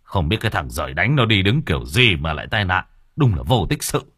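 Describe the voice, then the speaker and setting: A man's voice: low voice, sing-song, brisk, fairly bright tone, breathy edge, no echo, clean studio sound, exaggerated voice. A man playing a short-tempered older father who scolds bluntly. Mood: gruff.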